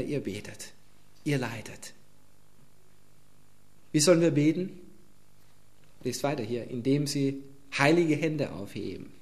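A pastor preaching, expounding a Bible passage and speaking directly to his congregation. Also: on the high side. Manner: addresses congregation directly, emphatic Bible exposition. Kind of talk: sermon.

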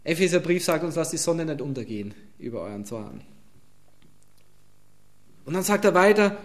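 A pastor preaching, expounding a Bible passage and speaking directly to his congregation. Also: on the high side. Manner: addresses congregation directly, emphatic Bible exposition. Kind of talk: sermon.

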